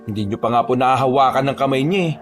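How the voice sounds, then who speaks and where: An anxious young father pressing for answers about his child, as a male storyteller puts him on. His voice sits at an ordinary pitch and turns pleading. Soft music plays underneath. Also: racing, lightly acted.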